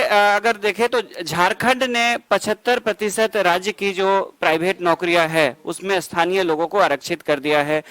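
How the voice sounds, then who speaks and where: High-voiced man quizzing an exam class. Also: a bit bright, dry recording, poor audio. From India. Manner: quizzes students with quick questions and answers himself; asides and jokes between facts. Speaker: exam-prep teacher. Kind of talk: rapid current-affairs revision lecture.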